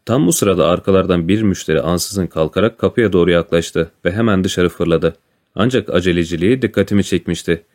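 A man reading a classic adventure story aloud as a narrator, in a calm, even storytelling manner. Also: deep voice, fairly quick. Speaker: audiobook narrator. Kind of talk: storybook narration with voiced dialogue.

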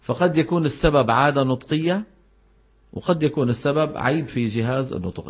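A man teaching Quran recitation in a classroom lesson, acting out right and wrong pronunciations and quizzing his students. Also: mid-range voice. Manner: demonstrates correct and faulty pronunciations, quizzes students. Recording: dull lo-fi lecture recording.

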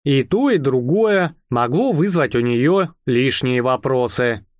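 A man narrating a first-person audiobook in a calm, even, wry storytelling manner. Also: mid-range voice, slow, no echo, clean studio sound.

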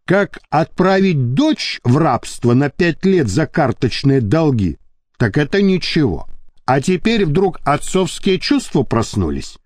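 A man's voice: on the high side, sing-song, measured pace, a little mellow, no echo. A man voicing a sardonic male henchman in an audiobook, lecturing in a mocking tone.

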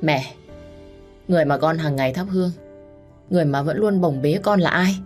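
A woman's voice: deep voice, normal speed, darkish tone, soft background music, close to an everyday voice. A woman reading as a hurt young daughter, asking tearful, pleading questions in a storybook reading. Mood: sobbing.

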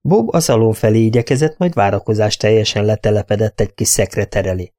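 A male narrator reading a novel aloud in a steady, measured storytelling manner. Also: on the low side. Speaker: audiobook narrator.

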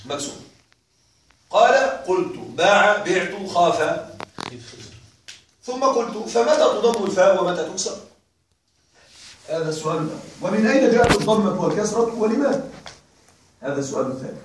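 High-voiced man teaching in an echoey classroom. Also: expressive, fairly quick, pauses often, noisy background. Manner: call-and-response drilling, prompts students to finish words. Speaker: grammar teacher. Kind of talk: classroom grammar lecture. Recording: very echoey room, voice far from mic.

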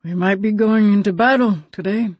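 A woman reading an audiobook, voicing a solemn, slow-speaking old man who serves as a guide. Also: medium pitch, dry recording, lo-fi sound, natural voice. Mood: grave.

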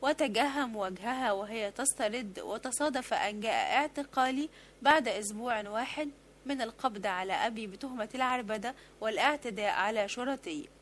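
A woman reading a literary novel aloud as an audiobook, in a measured, steady way. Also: on the high side, slight background noise. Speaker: audiobook reader.

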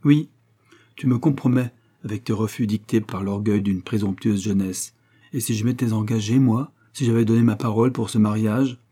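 A man's voice: fairly low pitch, fairly even intonation, moderate pace, warm tone, slightly rough. A man reading the part of a domineering old inventor who scolds his son in an audiobook. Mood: furious. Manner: commanding, heated. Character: domineering old male inventor, quick-tempered father.

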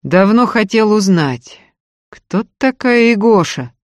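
A woman's voice: mid-range voice, animated, slow pace, no room sound, studio quality, voice pushed up. A woman playing a stern, earnest male doctor who talks in a firm, insistent way.

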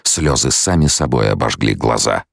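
A man narrating an audiobook in an even, measured storytelling manner. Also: very deep voice, dry recording, studio quality.

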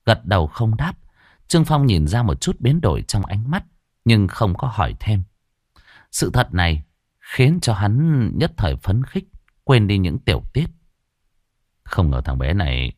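A man narrating a fantasy story as an audiobook reader, in an expressive storytelling manner. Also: fairly low pitch, dry recording, studio quality.

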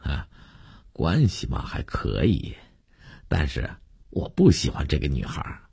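Guy doing a sharp-tongued middle-aged nanny, grumbly and sore, husky low voice, dry sound. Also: wildly swooping pitch, a little slow, full character voice. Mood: grudging. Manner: indignant, grumbling.

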